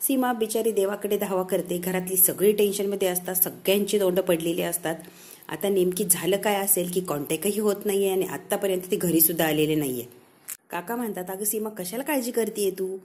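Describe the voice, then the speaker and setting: A woman tells the story of a TV serial episode scene by scene in a mellow, darkish voice. She moves through the plot in steady storytelling and quotes each character in turn. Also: on the low side, a little fast. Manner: storytelling, animated quoting of characters. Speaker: TV serial recap narrator.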